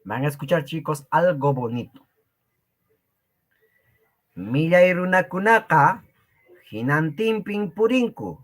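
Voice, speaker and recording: A man's voice: fairly high pitch, expressive, slow pace, pauses often. A man with a Peruvian Spanish accent teaching an online Quechua class, joking with his students and laughing often.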